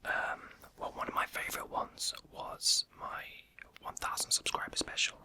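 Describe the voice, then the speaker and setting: A young adult YouTube creator whispers through an ASMR question-and-answer video at normal speed. The delivery is rambling and hesitant, full of fillers.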